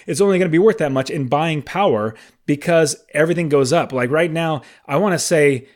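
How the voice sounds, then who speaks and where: A man's voice: fairly high pitch, fairly quick, a little mellow. Enthusiastic man hosting a podcast. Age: 30s. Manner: enthusiastic, conversational, emphatic asides. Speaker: podcast host. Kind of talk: solo podcast monologue.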